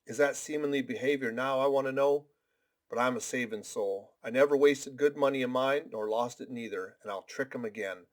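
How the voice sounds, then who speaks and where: A man voicing a sick, desperate old sea captain who pleads and curses in rough sailor talk. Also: mid-range voice, fairly quick, lightly acted. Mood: agitated.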